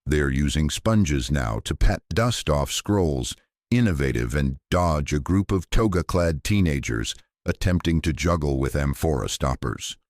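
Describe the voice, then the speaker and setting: Deep-voiced man, soft-spoken sleep narration. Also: lively intonation, no room sound, studio quality. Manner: soft-spoken, unhurried, gently wry. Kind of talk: calm scripted sleep-story narration.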